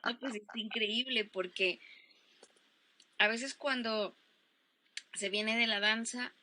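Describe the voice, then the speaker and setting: A woman's voice: a little high, fairly even intonation, slow, bright, forceful tone, a little hiss or hum. A woman with a Mexican accent interviewing a guest, reflecting aloud with some hesitations. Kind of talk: interview, conversational.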